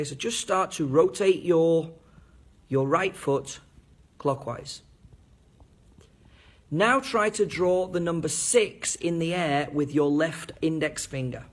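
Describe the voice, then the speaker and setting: A man giving an enthusiastic video lesson on intonation, demonstrating rising and falling tones with his own voice. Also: on the high side. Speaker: teacher trainer.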